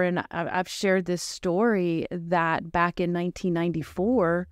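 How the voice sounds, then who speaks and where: A middle-aged woman who runs a pregnancy medical center, telling stories in an animated, chatty way. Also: lowish voice, no echo, studio quality. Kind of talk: casual chat.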